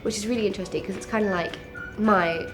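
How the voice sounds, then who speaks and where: A book vlogger with a blend of South African and English accents chats eagerly to camera about books, her voice stuffy and nasal from a cold. She speaks quickly in a mid-range, steady tone, with music playing behind her.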